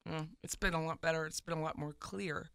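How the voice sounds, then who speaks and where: A woman co-hosting a radio show from a studio desk, talking in a lively, emotional way and telling stories with feeling. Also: low voice, a little fast, clean tone, no room sound. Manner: emotional, animated storyteller. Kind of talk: casual radio chat. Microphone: studio microphone.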